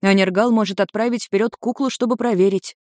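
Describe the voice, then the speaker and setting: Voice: mid-range voice, fairly even intonation, brisk, no echo, studio quality, voice pushed up, natural voice. A young plant-shaping woman, read by a narrator. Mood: calm. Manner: snappy.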